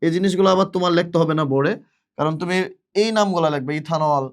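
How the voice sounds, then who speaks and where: Male teacher with a high voice, lecturing a class, answers his own questions. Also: fast. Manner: asks questions and answers them himself, repeats key words. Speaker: chemistry teacher.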